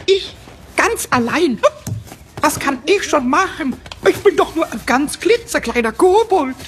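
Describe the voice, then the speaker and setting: A woman voicing a small, cheeky, excitable male kobold in a vintage cartoon style for a children's audio play, exclaiming and repeating words in a childlike way. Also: high voice, unhurried. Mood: agitated, pleading. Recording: music behind the voice.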